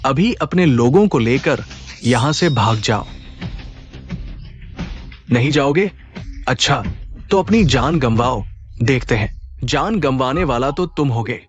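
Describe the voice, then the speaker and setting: A man's voice: medium pitch, animated, takes it slowly, long pauses, faint music behind. A man dubbing a drama, voicing a stern government official who gives commands. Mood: commanding. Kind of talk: dubbed drama dialogue.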